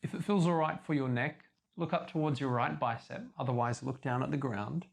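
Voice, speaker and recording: A man leading a guided yoga class as instructor, giving calm, measured step-by-step cues. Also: medium pitch, creaky.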